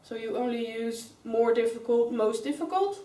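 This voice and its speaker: A young woman with a Dutch accent teaches an English class, going through each rule step by step and calling on pupils by name. Her voice sits a little high. It is caught from across an echoey classroom. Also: animated, normal speed, dark tone. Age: young adult. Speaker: student teacher. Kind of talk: classroom grammar lesson. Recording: roomy classroom sound, mic far away.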